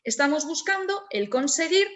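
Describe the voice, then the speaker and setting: A woman presents a webinar over a video call. Her voice sits fairly high. She explains step by step, often restarting her phrases. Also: animated, moderate pace, a bit bright.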